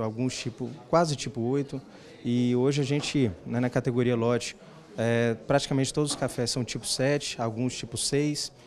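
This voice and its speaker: A man in his thirties explains things patiently in a mid-pitched voice, with frequent fillers. He speaks into a handheld mic in an indoor room. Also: a little mellow. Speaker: agronomist interviewee. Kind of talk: interview answer. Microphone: handheld reporter mic.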